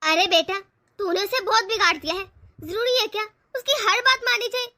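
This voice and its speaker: A woman voicing a strict, stubborn older mother-in-law in an animated family cartoon, nagging and scolding her family. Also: very high-pitched, brisk, dry recording, clean studio sound.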